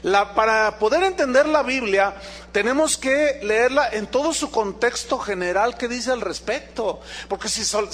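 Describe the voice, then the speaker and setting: A man preaching a sermon as pastor, animated, asking the congregation rhetorical questions and acting out dialogues. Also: sits high.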